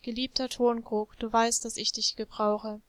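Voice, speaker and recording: A woman's voice: fairly high pitch, level tone, normal speed, no room sound, close to an everyday voice. A woman voicing a patient, loving male potter who explains things tenderly to his clay jug in a storybook.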